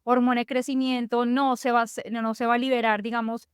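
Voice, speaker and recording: A woman's voice: a little high, level tone, fairly quick, clear, resonant tone, dry recording, clean studio sound. A woman physician, explaining at length in a conversational interview, with frequent fillers and restarts.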